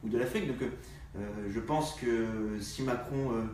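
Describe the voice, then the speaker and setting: Male activist, halting speech, faint hiss, roomy distant recording. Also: medium pitch, darkish tone. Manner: halting, many fillers. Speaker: party activist. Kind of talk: live political discussion. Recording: distant echoey room sound.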